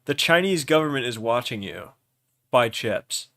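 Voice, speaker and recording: Goofy young man with a smooth voice. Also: medium pitch, lively intonation, unhurried, no echo, studio quality. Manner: loud, goofy, teasing, often restarts words. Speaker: livestream host running an AI role-play. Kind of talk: casual improvised game narration.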